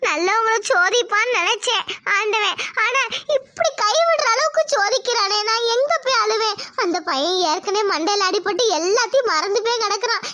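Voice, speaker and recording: A woman's voice: expressive, moderate pace, few pauses, bright, forceful tone, exaggerated voice. A woman voicing a wailing village mother. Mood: pleading. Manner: wailing, pleading, high-strung. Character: anxious middle-aged village mother, wailing. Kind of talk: cartoon voice acting.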